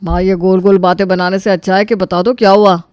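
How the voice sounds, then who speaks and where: A woman voicing a grown son who demands answers and rushes off flustered. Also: medium pitch, little pitch movement, darkish tone, dry recording, close to an everyday voice. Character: impatient grown son, brother-in-law.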